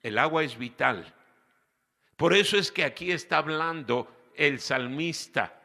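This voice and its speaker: A man's voice: fairly high pitch, animated, unhurried, pushed and bright, big-room sound. A man preaching a sermon as pastor, with rhetorical questions and emphatic repetition. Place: church hall.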